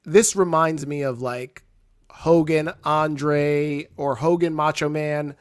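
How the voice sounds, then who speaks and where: A man hosting a casual wrestling talk show, excitable and reading out viewer comments. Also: fairly high pitch, slow, clear, resonant tone, no room sound, clean studio sound. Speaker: show host.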